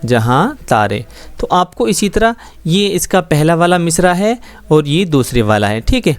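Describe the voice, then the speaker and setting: A man's voice: high voice, animated, clean tone, no room sound. A man teaching a schoolbook Urdu lesson, explaining words patiently and often checking that students follow. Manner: patient, explains slowly with frequent check-ins.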